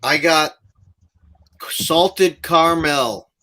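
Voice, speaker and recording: A man's voice: on the high side, extremely slow, bright, forceful tone. A man hosting a casual live stream, chatting and reading out comments from viewers.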